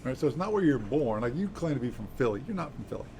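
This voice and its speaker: A man's voice: medium pitch, sing-song, fast, creaky, a crowd in the background. A man co-hosting a sports talk show, chatty and teasing, full of fillers. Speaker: sports radio co-host.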